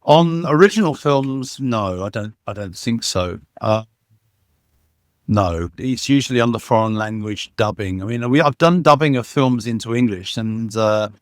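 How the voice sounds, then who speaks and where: A man with a mid-range voice, a guest who works as a sound engineer and dubbing supervisor, tells stories in a casual interview, rambling enthusiastically with many restarts and fillers. He talks at normal speed, and the recording is dry with no room sound.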